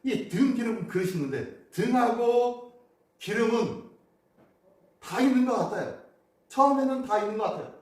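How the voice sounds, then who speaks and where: A man's voice: very high voice, normal speed, pauses often. A man preaching a sermon as pastor, often putting questions to the congregation. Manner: animated, asks the congregation questions. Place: church sanctuary. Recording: echoey church hall, mic off at a distance.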